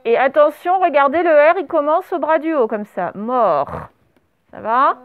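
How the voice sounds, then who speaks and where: Speaking high and lively at a normal speed, a female primary teacher runs a spelling dictation through her face mask, elongating syllables and calling out each letter. The recording sounds narrow, like a phone line. Traffic noise drifts in through open doors.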